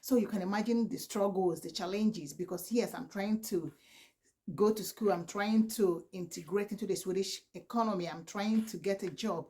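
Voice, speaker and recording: A woman in her forties from southeastern Nigeria, an Igbo speaker with a Nigerian accent, vlogs to camera as a mother of four. Her mid-range voice is dark and moves at a normal speed. She pleads earnestly, saying "please" again and again and often restarting.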